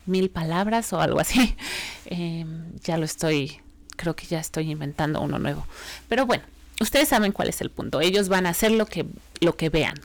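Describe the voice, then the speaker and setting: A woman in her thirties speaks in a casual, reflective podcast monologue, addressing her audience directly. She often pauses to rephrase herself. The sound is close and dry, with no room around it. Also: mid-range voice, dry recording. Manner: conversational, reflective, self-correcting, addresses listeners directly. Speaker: parenting podcast host.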